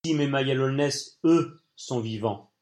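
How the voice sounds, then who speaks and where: A man reading an audiobook, voicing a wise old man over 60 who speaks in a calm, grave, measured way. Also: medium pitch, natural voice.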